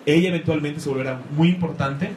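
A man talks with eager enthusiasm to an audience, often losing and finding his words. His voice sits a little high and rings around an echoey room, with a faint hiss underneath. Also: fast talker. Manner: excited, rambling, searches for words. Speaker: comics talk presenter. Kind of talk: enthusiastic talk to a live audience.

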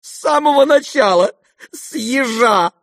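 A man's voice: very high voice, animated, unhurried, vocal fry, fairly bright tone, dry recording, clean studio sound, voice pushed up, full character voice. A man voicing an exasperated young noblewoman in an audiobook who exclaims shrilly.

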